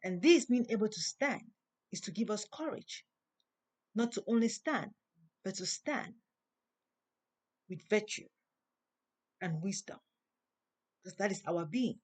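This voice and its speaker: A woman with a non-native English accent delivers an inspirational monologue as host. She speaks slowly and deliberately, like a preacher, and her voice rises on the words she wants to stress. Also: medium pitch, expressive, darkish tone. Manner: slow, preaching, emphatic rises.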